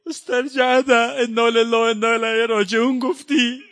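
A male preacher delivers a mourning sermon, reciting quoted lines slowly and drawn out before explaining them in plain speech, all with fervent, impassioned delivery. His voice is very high and fairly bright, yet his delivery is flat.

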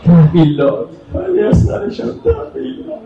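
High-voiced man chanting a mourning sermon. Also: wildly swooping pitch, muffled recording, noisy background. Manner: rises into shouted wailing chant, then drops to low narration. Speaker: eulogist. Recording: echoey, distant mic, faint ambience.

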